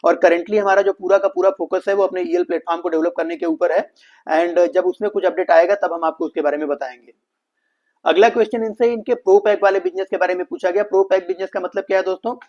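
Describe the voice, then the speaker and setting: An Indian man gives explainer commentary on an earnings call, calling his viewers friends and mixing English business terms into what he says. His voice sits high and has a darkish tone, fairly even intonation, and a fast pace, on a dull lo-fi recording.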